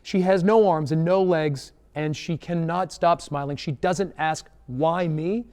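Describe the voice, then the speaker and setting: A man's voice: fairly high pitch, steady tone, measured pace, a little mellow. A man introducing a news feature in an emphatic, heartfelt way. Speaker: news presenter.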